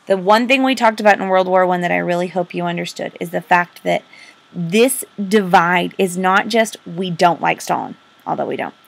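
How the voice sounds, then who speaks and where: A woman's voice: fairly low pitch, moderate pace, gravelly. An American woman teaching a recorded lesson, dictating notes with repeated key terms and an informal, emphatic manner, often answering her own questions. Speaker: history teacher. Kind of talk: recorded lesson lecture to students.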